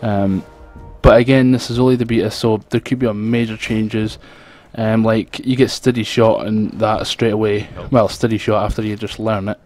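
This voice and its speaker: A man's voice: flat delivery, moderate pace, hardly any pauses, a little mellow, soft background music. A man with a thick Scottish accent giving casual, rambling commentary over gameplay. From Scotland. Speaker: gaming video creator, commentator. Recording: low-quality home mic with background noise.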